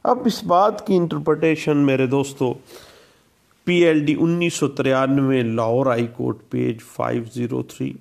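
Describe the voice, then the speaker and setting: Lecturing on law, a man works through a statute at a slow, deliberate pace, going back over the main points and dropping in English legal terminology. His mid-range voice has vocal fry and a darkish tone.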